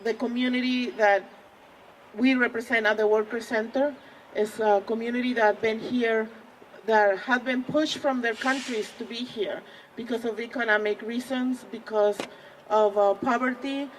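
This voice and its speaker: A woman in her forties with a Mexican accent, giving an earnest rally speech as a community organizer, pausing often with fillers. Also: a little high, slight background noise, poor audio. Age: 40s. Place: outdoors at a public rally.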